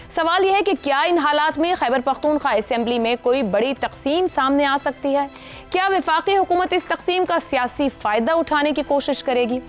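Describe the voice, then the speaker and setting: Woman news anchor with a high voice. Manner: formal scripted delivery, then questioning panelists. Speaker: talk show host. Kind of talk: news talk show anchor.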